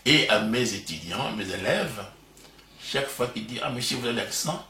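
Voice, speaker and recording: Very noisy audio surrounds an older man with a Congolese French accent, a retired professor interviewed at home in his living room. His mid-range voice has lively intonation at normal speed as he speaks proudly, expansively, and with easy laughter, captured in a roomy, distant home recording.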